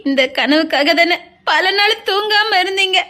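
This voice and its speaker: A woman's voice: extremely high pitch, moderate pace, pushed and bright. A woman voicing a loving young village wife in a cartoon, with a Tirunelveli Tamil accent, asking anxious, tearful questions. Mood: tearful joy.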